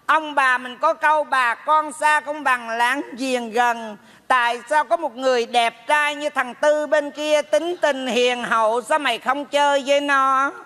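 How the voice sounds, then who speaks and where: A man voicing a nagging old mother's ghost in a stage comedy sketch, scolding slowly. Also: very high voice, fairly even intonation, pushed and bright, heavily acted. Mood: lecturing. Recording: stage hall with long reverb.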